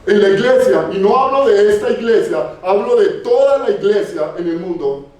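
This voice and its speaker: A man's voice: sits high, animated, normal speed, a little mellow. A male preacher giving a sermon, emphatic and repeating phrases for stress, in a church hall. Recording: very echoey hall, voice far off.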